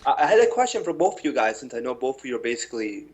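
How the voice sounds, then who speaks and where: A man's voice: mid-range voice, sing-song, very fast. A man in his forties from Chicago, talking casually and asking questions as a caller to a talk show. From Chicago, United States. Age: 40s.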